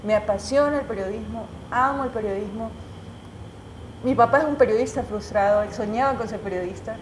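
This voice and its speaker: A woman journalist, telling her own stories as an interview guest in an animated, emotional way, full of restarts. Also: a little high, brisk, slight background noise. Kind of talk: casual conversational storytelling. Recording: echoey room.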